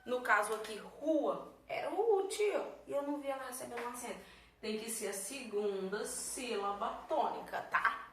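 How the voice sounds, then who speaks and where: A woman's voice: on the high side, normal speed, sharp tone. A woman teacher, explaining a grammar lesson patiently and often checking in with her class. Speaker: Portuguese teacher. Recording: echoey room, mic at a distance, faint background noise.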